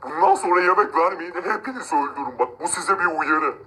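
A man's voice: on the high side, lively intonation, quick pace, pushed and bright, slight background noise, rough recording. Man playing a gloating cruel rich guy. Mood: furious. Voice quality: gloating, mocking laughs. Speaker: voice actor in a game-video drama. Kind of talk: amateur game role-play narration.

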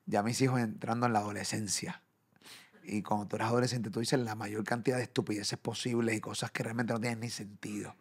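A middle-aged man with a Puerto Rican accent, hosting a casual chat and telling stories in a lively, profane way. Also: fairly low pitch, a little fast, breathy edge. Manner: animated, profane storyteller who shouts out quoted people. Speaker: podcast host.

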